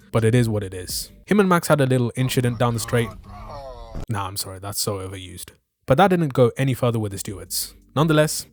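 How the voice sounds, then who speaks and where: Background music plays under a slightly mellow, mid-range male voice. The speaker is a YouTuber who covers motorsport, giving a scripted and opinionated review of a Formula One race in laid-back fan slang.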